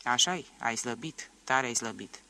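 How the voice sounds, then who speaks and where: Narrator guy playing a pushy old village man, insists on everything, kinda gravelly. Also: medium pitch, sharp tone, slight background noise. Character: stubborn older peasant man, former soldier, blunt.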